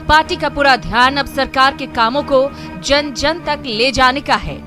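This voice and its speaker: Female field reporter, formal voice-over, high, music bed underneath. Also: moderate pace.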